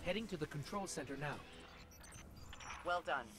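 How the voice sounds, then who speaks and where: A terse squad commander. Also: male voice, on the high side, expressive, pushed and bright. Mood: commanding. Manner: clipped radio-style orders. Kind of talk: video game dialogue.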